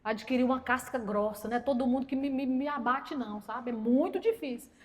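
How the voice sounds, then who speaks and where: A high-pitched woman with a Minas Gerais accent preaches to a church congregation. She tells funny stories from her life and acts out everyone's lines in her own lively voice. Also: a little fast. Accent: Minas Gerais Portuguese. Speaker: guest preacher. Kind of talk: humorous testimony sermon. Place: church service.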